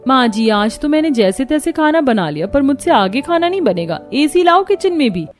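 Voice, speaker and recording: Cartoon spoiled city bride, whiny and demanding, pitched up. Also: female voice, sing-song, moderate pace, faint music behind. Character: pampered young city daughter-in-law, whiny.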